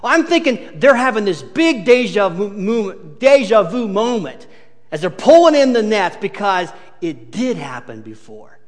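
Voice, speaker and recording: A male pastor preaching a sermon, telling the story in an animated way with touches of humor, in a large hall. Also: sits high, a little slow. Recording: long hall reverb.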